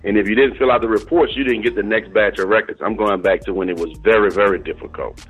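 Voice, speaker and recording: This interview guest, a middle-aged DJ and company owner from New Orleans, speaks casually on a radio call in a lowish, slightly rough voice at a quick pace. He often says "you know" and "bro," and the recording quality is low.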